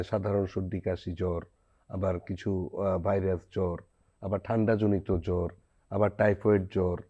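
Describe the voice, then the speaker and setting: A man's voice: lowish voice, dark tone, dull audio. A man hosting a TV health program in a studio, asking long questions with hesitant fillers. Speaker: host.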